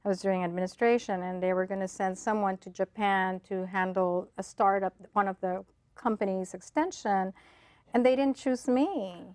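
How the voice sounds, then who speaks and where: A woman's voice: mid-range voice, normal speed, darkish tone, no echo. A woman from the Philippines in casual conversation, telling her stories reflectively with many fillers. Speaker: guest.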